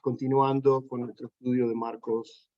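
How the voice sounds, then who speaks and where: A man's voice: mid-range voice, flat delivery, moderate pace, dull audio. A man teaching a Bible study as a pastor, talking in a loose conversational way with frequent fillers and "¿no es cierto?".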